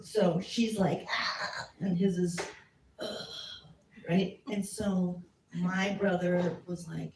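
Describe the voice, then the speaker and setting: The civics speaker talks slowly in a fairly low, level, slightly mellow voice while fielding questions at a community talk. She's candid, chatty, and pokes fun at herself; the meeting room's echo and faint noise come through from a distance.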